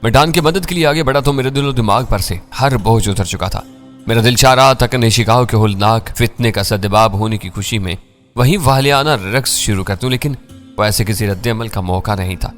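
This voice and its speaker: A man reading a first-person thriller story in a measured, dramatic way. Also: medium pitch, a bit bright, faint music behind.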